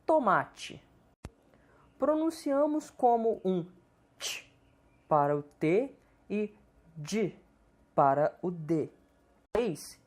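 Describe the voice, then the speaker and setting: A woman giving a scripted pronunciation lesson, speaking slowly and enunciating each word with deliberate care. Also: mid-range voice, a little mellow. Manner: slow, careful, deliberate enunciation. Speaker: English teacher.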